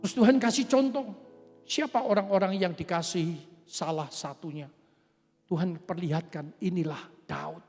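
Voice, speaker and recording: A man's voice: sits high, normal speed, a little mellow. A man in his seventies preaching a sermon, giving testimony and often calling out to the congregation. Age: 70s. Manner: emphatic, often addresses the congregation directly. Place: church hall. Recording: echoey church hall with faint music.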